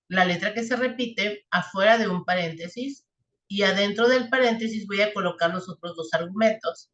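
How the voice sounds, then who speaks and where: A woman's voice: mid-range voice, fairly bright tone. Woman teacher, patient step-by-step explaining, echoey room. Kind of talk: classroom math and physics lesson.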